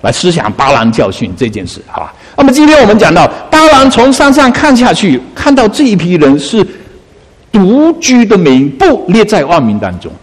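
A man preaching a sermon as pastor, coaxing and animated, often asking his listeners questions. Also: high voice, moderate pace, slightly rough, big-room sound.

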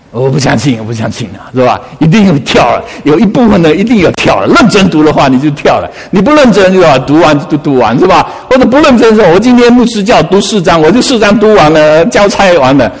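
A man preaching a sermon as pastor, coaxing and animated, often asking his listeners questions. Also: sits high, breathy edge, big-room sound.

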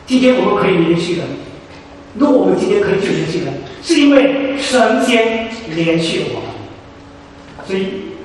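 A man's voice: high voice, lively intonation, normal speed, a little hiss or hum. A man preaching a sermon, emphatic, repeating phrases for stress. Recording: echoey hall, voice from far off.

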